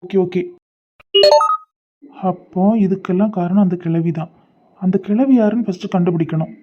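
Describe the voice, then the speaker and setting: A man's voice: high voice, steady tone, normal speed, muffled recording. A man with a Kanyakumari Tamil accent voicing a brooding, short-tempered young husband in a cartoon, speaking in a snapping, exasperated way. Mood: worried. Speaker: cartoon voice actor. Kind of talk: homemade cartoon voice acting.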